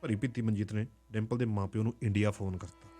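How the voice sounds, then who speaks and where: A man narrating a dramatic story in a hushed, unhurried way. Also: fairly low pitch, steady tone, music in the background.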